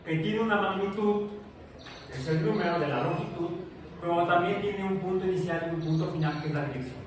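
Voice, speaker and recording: High-voiced male teacher in echoey classroom. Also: brisk. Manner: explains step by step with frequent restarts and checks. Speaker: science teacher. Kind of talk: classroom physics lecture. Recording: echoey classroom from far off, noisy.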